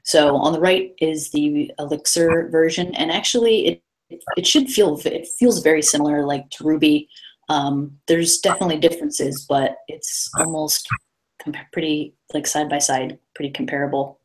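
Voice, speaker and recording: This is a casual tech talk with slides: a deep-voiced woman at normal speed walks a meetup through some coding via video call, full of fillers and restarted sentences. Audio quality is poor.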